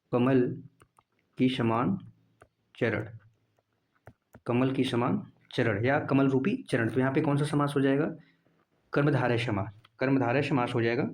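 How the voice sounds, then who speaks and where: A man's voice: medium pitch, a little mellow. Man teaching an exam-prep lesson. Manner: repeats answers, asks and answers his own questions.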